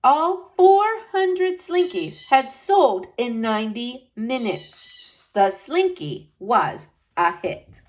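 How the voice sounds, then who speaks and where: A woman reads a picture book aloud to children, drawing out her words with slow, dramatic emphasis. Her delivery is expressive, with wide swings in pitch.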